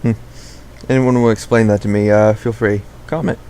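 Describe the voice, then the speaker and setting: A man's voice: lowish voice, flat delivery, normal speed, mellow, smooth. A young man giving casual, rambling gameplay commentary, often correcting himself mid-sentence. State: out of breath.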